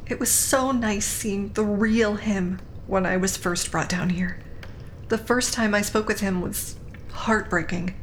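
A woman's voice: medium pitch, steady tone, measured pace, slight background noise, close to an everyday voice, low-quality recording. A woman playing an earnest, cautious, principled young woman in an audio drama, speaking sincerely. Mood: concerned, warm. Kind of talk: scripted audio drama acting.

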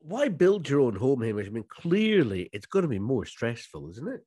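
A man with a Scottish Highland accent presenting a podcast in a chatty, jokey, wordy way. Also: very animated, moderate pace, warm tone, husky, dry recording. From Inverness, Scottish Highlands. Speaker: podcast host.

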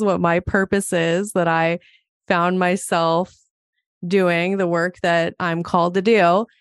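A woman's voice: on the low side, dry recording, clean studio sound. A woman from Montana hosting a solo podcast as a psychologist, chatty and explanatory. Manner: chatty, explanatory, laughs now and then.

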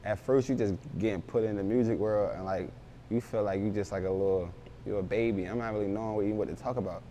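A man's voice: on the low side, fairly even intonation, quick pace, warm tone, slight background noise. A young man, a rapper, talking casually in an interview with loose, rambling street slang. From Baltimore, raised in Philadelphia.

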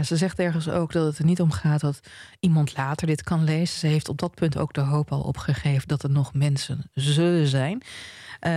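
A woman's voice: sits low, warm tone, no room sound. A woman joins a book podcast at a studio microphone, recorded close with no room sound. She speaks in a dry, playful way. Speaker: podcast guest. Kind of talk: casual book discussion.

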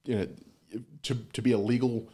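A man on a panel, explaining a point in a halting way with many restarts. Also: medium pitch, steady tone, mellow. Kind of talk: casual panel discussion.

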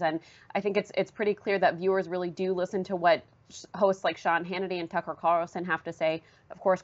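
A woman reporter giving fluent, measured news analysis in an interview. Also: fairly low pitch, highs cut off. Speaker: newspaper reporter guest.

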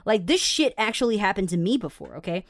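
A woman's voice: medium pitch, big pitch swings, fairly quick, no echo. A young woman from Taiwan, hosting a podcast in a frank, emphatic way and swearing freely. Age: young adult. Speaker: podcast host and English teacher. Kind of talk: casual podcast monologue.

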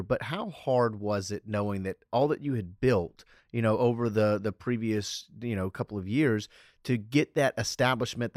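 A man's voice: lowish voice, no echo, studio quality. A man co-hosting a talk show, asking long rambling questions. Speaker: co-host. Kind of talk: casual interview talk.

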